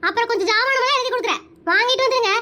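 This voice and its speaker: A voice actor voicing a bossy, talkative middle-aged aunt in an animated cartoon, scolding and prying. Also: very high-pitched, exaggerated voice. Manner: loud, scolding, nosy and fast.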